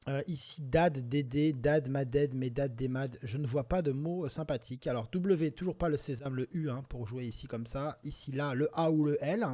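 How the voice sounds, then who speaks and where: A man thinking aloud as he plays Scrabble, quietly muttering through possible words and breaking into sudden excited outbursts when he finds a good one. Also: medium pitch, normal speed, hardly any pauses. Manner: mutters word tries half to himself, with sudden excited outbursts. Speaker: Scrabble player commenting on his game. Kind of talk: thinking aloud while playing.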